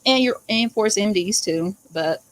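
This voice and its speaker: A woman's voice: medium pitch, unhurried, poor audio. A woman hosting an interview, often chiming in with short encouraging replies. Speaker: show host. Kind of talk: casual interview.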